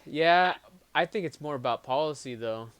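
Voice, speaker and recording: Smooth-voiced casual male co-host. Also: on the high side, moderate pace, fairly bright tone. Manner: reads viewer comments aloud, talks in restarts. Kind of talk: casual live-stream chat.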